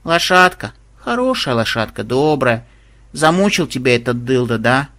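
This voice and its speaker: A husky-voiced man voicing a cheerful, clever young woman who talks in a brisk, eager way. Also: on the high side, expressive, bright, forceful tone. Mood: cooing.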